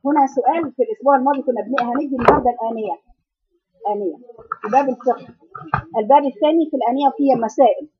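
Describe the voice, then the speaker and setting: A woman's voice: sits high, very fast, breathy edge. A woman with an Egyptian accent teaching a religion class to girls, often asking the class to finish her half-spoken questions. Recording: tinny phone-like recording.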